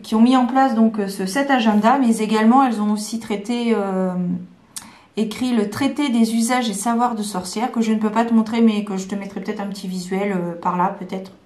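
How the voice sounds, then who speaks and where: A woman's voice: medium pitch, steady tone, a little fast, a little mellow, roomy sound. A woman from France chatting casually to camera at home, hesitant, with many fillers and restarts. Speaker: vlogger presenting planners. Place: home room.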